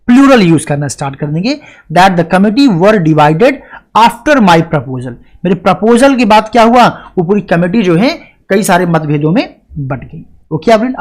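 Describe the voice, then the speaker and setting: A man teaching English grammar in a classroom lecture style, asking and answering his own questions and reading example sentences slowly. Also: sits high. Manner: explains step by step, often asks and answers his own questions; addresses students directly, stresses points with "ध्यान रखिएगा".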